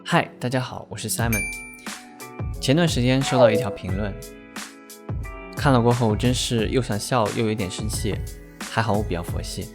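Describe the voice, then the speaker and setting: A man hosts his vlog with a measured, explanatory delivery, setting up the topic and then asking questions. His voice sits on the low side. Clear music plays behind him throughout. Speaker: host. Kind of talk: vlog narration and interview questions.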